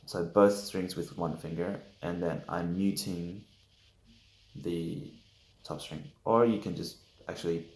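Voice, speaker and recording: A young man giving a casual guitar lesson, halting and full of fillers, correcting himself as he goes, sounding just woken up. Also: low voice, fairly even intonation. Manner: hesitant, many fillers, self-correcting. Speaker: guitar teacher. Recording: roomy echo with loud guitar playing.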